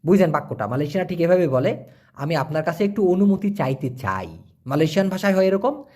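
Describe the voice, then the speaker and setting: A man, answering viewer questions in a casual spoken lesson and repeating words slowly for learners. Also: fairly high pitch, expressive, darkish tone.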